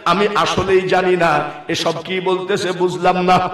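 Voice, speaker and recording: A man preaching voices a wronged male tiger, pleading in a drawn-out, half-sung wail. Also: high voice, level tone, roomy sound.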